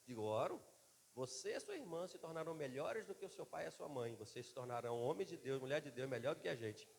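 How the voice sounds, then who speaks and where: A man's voice: on the high side, lively intonation, fast, gravelly, breathy edge. Male pastor, fervent sermon with big dynamic swings, long hall reverb. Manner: impassioned preaching, swinging between loud and soft. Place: church.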